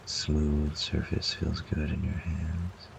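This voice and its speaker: A man narrating a guided relaxation meditation in a calm, soothing, measured way, with long pauses. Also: extremely low pitch, vocal fry, slight background noise.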